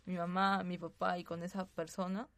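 A woman's voice: fairly low pitch, little pitch movement, normal speed, dry recording. A woman giving a hesitant personal testimony as a radio guest, tagging her sentences with "así, ¿no?". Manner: soft-spoken, hesitant storytelling.

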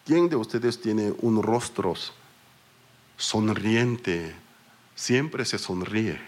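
A man's voice: on the low side, animated, very slow. A male pastor from Korea preaching in a Korean accent, telling stories with self-mocking humor and small slips. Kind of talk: sermon.

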